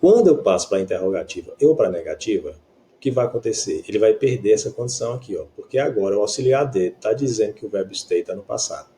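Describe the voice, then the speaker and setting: A man's voice: fairly low pitch, lively intonation, quick pace, dark tone, a little hiss or hum. A man teaching an English grammar lesson in Portuguese with a Brazilian accent, explaining patiently and often checking that students follow.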